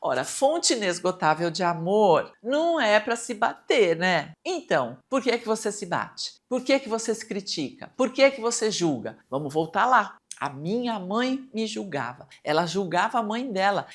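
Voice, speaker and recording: A woman giving a lesson on behavior, expressive and speaking straight to the listener with rhetorical questions. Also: medium pitch, moderate pace, few pauses. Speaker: teacher. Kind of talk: recorded lecture on behavior.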